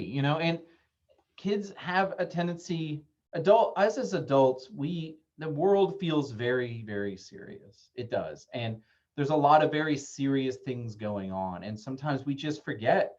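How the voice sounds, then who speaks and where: A man's voice: medium pitch, darkish tone, muffled recording. A man therapist giving a casual, conversational presentation, often acting out quoted voices and using many fillers. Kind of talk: casual talk-style presentation.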